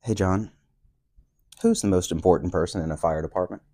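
Deep-voiced man telling dad jokes. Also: fairly quick, mellow. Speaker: police training coordinator. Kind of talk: deadpan joke challenge banter. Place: indoor studio setup with cloth backdrop. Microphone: clip-on lapel mic.

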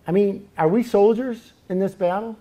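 A man's voice: high-pitched, moderate pace, mellow, highs cut off. A man preaching a sermon, emphatic and full of rhetorical questions.

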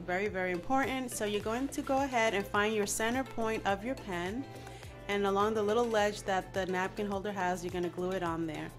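A woman whose voice is nasal from allergies, chatting through a step-by-step craft tutorial as host and often calling her viewers "you guys.". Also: mid-range voice. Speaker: DIY channel host.

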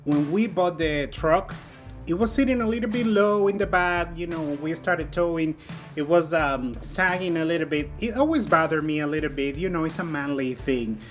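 A man's voice: on the high side, normal speed, faint music behind. A man giving a casual, joking product review for his RV channel, talking informally with fillers.

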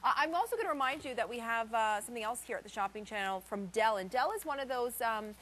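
A home shopping host, a woman with a slightly high voice and a persuasive, chatty delivery. She leans on key words as she sells. There is noticeable room noise in the studio recording. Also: lively intonation, fast talker, a bit bright. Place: television studio set.

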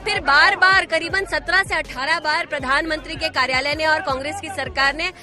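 A woman politician speaking forcefully outdoors at a protest, firing rhetorical questions into reporters' microphones. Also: high voice, fairly even intonation, brisk, over music, a crowd in the background. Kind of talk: street interview at a protest. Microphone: handheld reporter mics.

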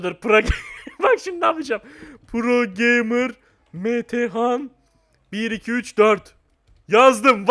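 An excitable young man chatters through a game he is playing, laughing often and teasing the other players. His voice sits high and bright, with a pitch that swings up and down a lot. He sounds close to a desk microphone. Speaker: gaming YouTuber. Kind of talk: casual gameplay commentary.

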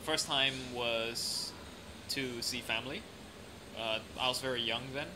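In a noisy café or restaurant at night, a young adult man gives a relaxed interview as a guest. He has a mid-range voice, a measured pace, and a mixed international accent that is lightly British.

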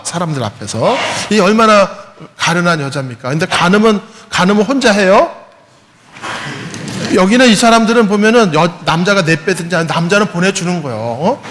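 A man's voice: sits high, fairly bright tone. A man, a parish priest, delivers a homily with a slightly raised voice and a chatty, questioning manner. His voice carries through a large church hall with long reverb, and a faint hum sits behind it. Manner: conversational preaching, often asks the congregation to respond. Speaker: pastor. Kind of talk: sermon.

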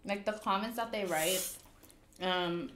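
A woman, a guest on an eating video, giving soft brief replies and giggling in a casual chat while eating. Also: medium pitch, slow, slight background noise.

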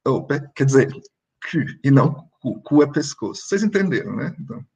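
Guy teaching french on a video call, kinda husky voice, patient, goes step by step. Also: medium pitch, very animated, fairly quick, a little mellow. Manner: patient, explains step by step and has students repeat. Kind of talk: online class teaching.

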